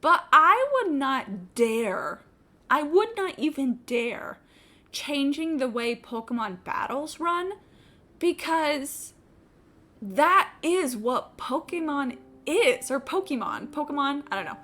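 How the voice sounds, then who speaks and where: A woman live streamer chats casually while gaming, her high, sing-song voice unhurried, pushed and bright. She's opinionated and emphatic and swears freely, with video game music playing behind her.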